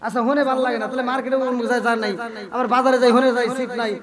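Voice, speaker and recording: High-pitched preacher man before a crowd. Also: flat delivery, rapid-fire. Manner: jokey, acts out quoted dialogue, breaks into sung chanting; keeps prodding the crowd for agreement. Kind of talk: Bengali waz sermon.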